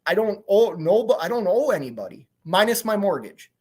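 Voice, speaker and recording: Reading viewer comments on a casual livestream, a trucker in his forties who owns and operates his own rig talks openly and meanders, repeating "you know what I mean." He has a high, sing-song voice, speaks a little fast, and there's noise behind him.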